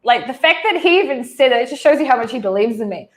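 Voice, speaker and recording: High, expressive and quick, her voice carries a New Zealand accent as she tells an interviewer about her life over a video call. She's in her thirties and talks in a chatty, casual way, laughing easily and full of "like" fillers and restarts.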